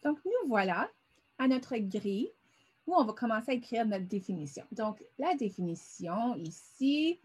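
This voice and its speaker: A middle-aged woman teaches vocabulary in an unhurried, deliberate way. Her voice is slightly husky and breathy. She patiently breaks words into syllables and sounds as she goes. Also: medium pitch, mellow. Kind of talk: vocabulary lesson narrated over a screen.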